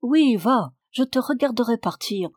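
A woman reading aloud voices a gentle peasant man of about fifty, coaxing and reassuring a frightened child. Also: a little high, animated, unhurried, no echo, studio quality, pitched above the performer's own voice. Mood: soothing. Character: gentle fifty-year-old peasant man, tender and soothing.

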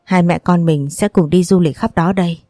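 A woman's voice: fairly low pitch, fairly even intonation, moderate pace, dark tone, dry recording, clean studio sound, lightly acted. A woman voicing a grieving teenage girl who pleads tearfully with her dying mother. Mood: pleading.

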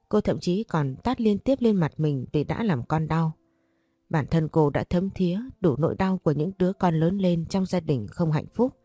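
A woman narrating a romance audiobook in a steady, even storytelling voice. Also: deep voice, dry recording.

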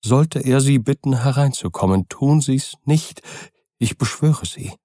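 Old manservant, scared and insistent, pitched up, read by a man. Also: unhurried, mellow, dry recording, studio quality, close to an everyday voice. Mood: agitated, fearful. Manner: urgent, pleading, rising pitch. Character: agitated old male butler, fearful.

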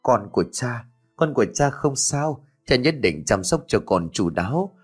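A man's voice: medium pitch, big pitch swings, unhurried, slightly rough, soft background music. A man voicing a grieving young peasant husband and father who laments in a choked, sobbing way. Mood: grief-stricken.

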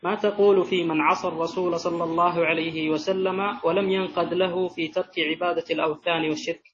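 A man reading a classical religious text aloud to his teacher in a measured, deferential manner. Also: fairly high pitch, little pitch movement. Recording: dull sound with faint hiss.

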